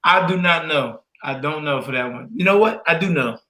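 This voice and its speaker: A man guesting on a sports podcast, easygoing and thinking out loud in casual chat. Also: on the high side, lively intonation, moderate pace.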